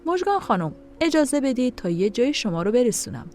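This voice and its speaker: An earnest, gentle young man from an audio story, read by a woman. His lines come out high and animated, with faint music running underneath. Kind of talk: audio drama reading.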